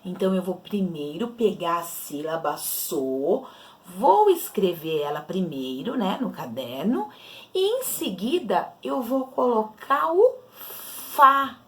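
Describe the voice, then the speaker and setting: A woman's voice: medium pitch, big pitch swings, fairly bright tone. A woman teacher with a Brazilian Portuguese accent, patiently walking young children through a literacy lesson step by step. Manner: slow, patient, explains syllables step by step to children.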